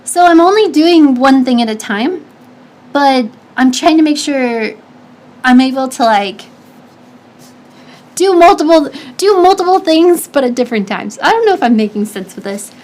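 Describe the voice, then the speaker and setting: An animated woman streamer with a high, slightly nasal yet somewhat mellow voice gives advice to her chat at a moderate pace. Her nose is stuffy, and her casual talk is full of fillers as she restarts and circles back on her sentences.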